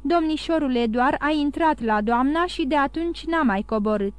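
A calm male valet answers his master politely and plainly, as a woman narrator voices him. The voice sits fairly high and is recorded dry and close. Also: no room sound. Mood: deferential. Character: respectful male household valet, calm and deferential.

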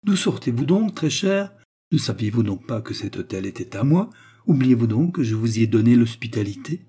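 A man's voice: mid-range voice, normal speed, warm tone, husky, lightly acted. A man reading aloud, voicing a worldly, mocking former courtesan with an ironic, self-assured manner. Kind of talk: audiobook character reading.

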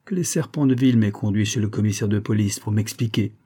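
A man's voice: lowish voice, quick pace, dark tone, lightly acted. A man voicing a cool, bold detective who speaks coldly and teases his opponent in a storybook reading. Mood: mocking. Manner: cold, teasing and self-assured. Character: cool, sly male detective, mocking and bold.

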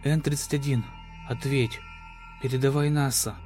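A man's voice: medium pitch, steady tone, normal speed, darkish tone, soft background music, close to an everyday voice. A man playing a desperate wounded spaceship captain, urgent, strained and commanding, in a sci-fi horror audio drama. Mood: urgent, angry.

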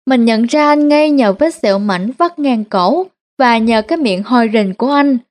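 Woman narrating a story, fairly high voice. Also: lively intonation, moderate pace.

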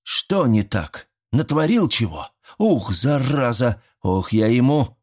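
A man's voice: mid-range voice, expressive, normal speed, a little mellow, pitched above the performer's own voice. A man voicing a fussy, good-natured old village grandfather who talks in folksy rural speech, sighing and fretting. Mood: fretful. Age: older.

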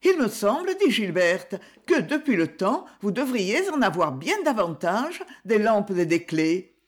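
A woman voicing a fragile, nervous young society woman who is bright, eager and easily startled, in an audiobook reading. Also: medium pitch, big pitch swings, unhurried, breathy edge.

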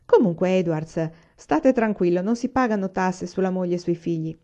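A woman voicing a steady, reassuring father of a pioneer family in a storybook reading, calm and practical. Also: fairly low pitch, moderate pace, natural voice.

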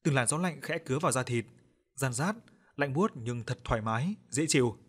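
A man narrating a dramatic audio story in a measured, emotive way. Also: mid-range voice, animated, husky.

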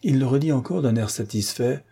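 A man narrating a classic novel as an audiobook in a measured, even reading. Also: medium pitch, gravelly, breathy edge.

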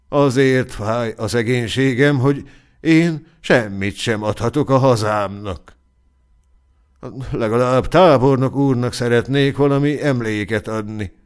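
A man's voice: medium pitch, clear, resonant tone, lightly acted. A man doing a trembling blind old beggar. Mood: humble. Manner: pleading, trembling.

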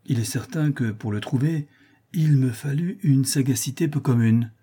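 A man reading a classic novel aloud as an audiobook, steady and deliberate. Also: medium pitch, slightly rough. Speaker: audiobook reader. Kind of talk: scripted narration of a classic novel.

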